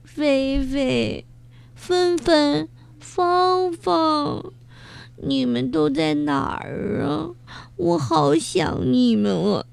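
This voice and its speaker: A woman's voice: high voice, very slow, vocal fry, no room sound, voice pushed up, full character voice. A woman voicing a greedy, whimpering little female beetle in a children's story. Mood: tearful. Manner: whimpering, plaintive.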